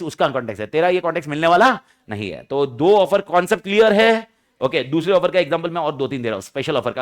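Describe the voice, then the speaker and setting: Male teacher, revision lecture, lively pitch, fairly high voice. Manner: animated, quizzes students and answers his own questions; acts out quoted speakers in example scenarios. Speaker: law teacher.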